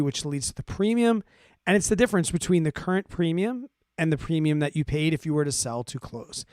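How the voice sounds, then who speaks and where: A man hosts a finance livestream, casually explaining things to a live audience and answering listener questions. He keeps checking in with "right?" and "okay?" in a conversational way. His voice is on the high side and a little mellow, with clean studio sound and no room echo.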